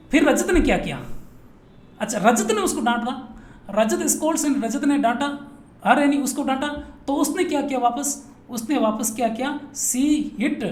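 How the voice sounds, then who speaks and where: A male teacher from Rajasthan, India, giving a grammar lesson. He playfully asks questions and answers them himself, repeating each point many times. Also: very high-pitched. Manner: drills students, asks and answers his own questions; playful, repetitive. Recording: echoey room with faint noise.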